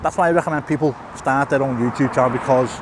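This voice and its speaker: A middle-aged man talks fast in a mid-range voice while walking outdoors near a tunnel in town, with a noisy background behind him. The YouTuber has a lisp and a stutter, repeating and restarting words and adding fillers as he chats casually to camera for his vlog.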